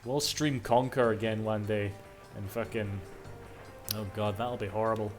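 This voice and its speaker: A man's voice: lowish voice, steady tone, moderate pace, faint music behind. A man giving casual, chatty live commentary as a game streamer, swearing freely.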